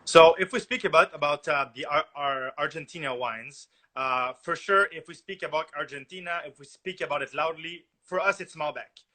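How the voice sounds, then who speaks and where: A man hosting a casual podcast about wine, talking haltingly with many restarts and fillers. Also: on the high side, sharp tone. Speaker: podcast host, wine enthusiast.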